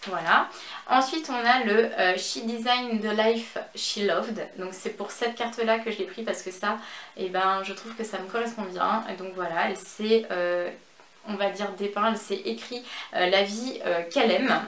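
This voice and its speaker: A French woman chatting through a fashion and beauty haul at home, with many fillers and a slow pace over each item. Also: medium pitch, fairly bright tone. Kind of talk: casual haul vlog. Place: home office and makeup room. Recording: echoey room, faint background noise.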